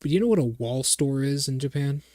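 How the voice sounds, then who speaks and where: A man's voice: medium pitch, animated, normal speed, mellow, dry recording. Male game master, rambling explainer, dry close recording. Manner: rambling, searching for words. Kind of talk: narrating a tabletop game.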